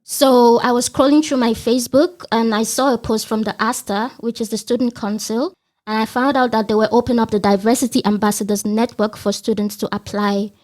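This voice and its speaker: A woman's voice: fairly high pitch, steady tone, a little fast, a little mellow. A young woman from Nigeria, a psychology student co-hosting a podcast, speaking steadily from prepared remarks. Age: young adult. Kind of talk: scripted podcast talk.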